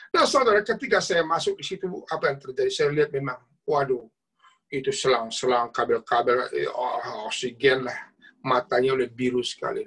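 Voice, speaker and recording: A man's voice: medium pitch, a bit bright, husky. A man preaching at an online prayer meeting, telling a long story and often addressing his listeners directly. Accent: Indonesian. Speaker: lay preacher. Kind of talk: sermon with storytelling.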